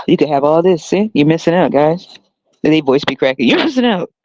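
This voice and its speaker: A man's voice: fairly high pitch, a little slow, fairly bright tone, no echo. A man hosting a solo podcast, talking in a heavily sarcastic, mocking way and often laughing. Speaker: podcast host. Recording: dull lo-fi dry recording.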